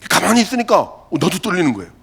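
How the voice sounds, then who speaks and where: A man's voice: sits high, fast, vocal fry, breathy edge. A man preaching a youth sermon as pastor, telling stories and acting out quotes. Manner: animated storytelling, acts out quotes. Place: church worship hall.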